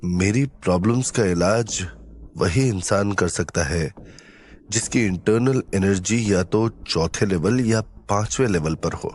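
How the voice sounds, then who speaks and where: A man voicing a brooding young male hero in an audio drama, grave and measured. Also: on the low side, a little mellow, a little hiss or hum, pitched below the performer's own voice, close to an everyday voice. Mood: troubled.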